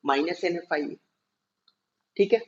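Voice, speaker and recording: Guy teaching a lesson, keeps asking if students got it, slows right down on key terms, muffled audio. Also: fairly high pitch. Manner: explains step by step, asks students questions. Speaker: commerce teacher. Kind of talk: classroom lecture. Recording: dull lo-fi recording.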